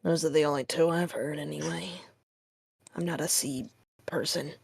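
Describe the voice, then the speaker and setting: A woman's voice: deep voice, fairly even intonation, moderate pace, creaky, darkish tone, husky, dry recording, studio quality. A woman playing a tabletop role-play game in character, a little prim and questioning.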